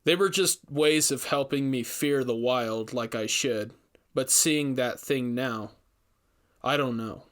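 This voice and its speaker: Reading from a storybook, a man voices an earnest, troubled young forest ranger, sounding thoughtful, hesitant, and haunted. His mid-range voice is slow, with a fairly bright tone.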